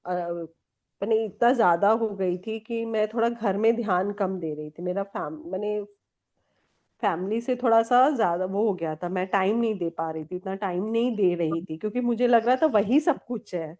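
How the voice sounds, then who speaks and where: Woman, Kolkata, interview guest: warm, mellow tone, candid storyteller who laughs readily. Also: mid-range voice, normal speed. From Kolkata, India. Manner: candid storytelling, mixing English words into Hindi, laughs often. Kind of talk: personal testimony in conversation.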